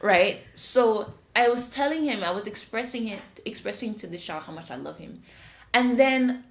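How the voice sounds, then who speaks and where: This podcast host is a woman with a Jamaican accent and a gravelly, mid-range voice at normal speed. Chatting casually, she tells a story and animatedly acts out the voices. The room gives the recording an echo.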